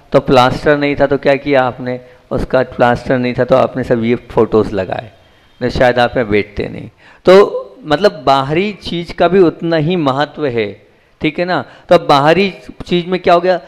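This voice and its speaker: A man giving a spiritual sermon as a monk, putting questions to his listeners and then answering them. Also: clear, resonant tone. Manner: asks the audience questions and answers them himself; acts out dialogue in a story with shifting pitch. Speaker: Jain monk giving a discourse.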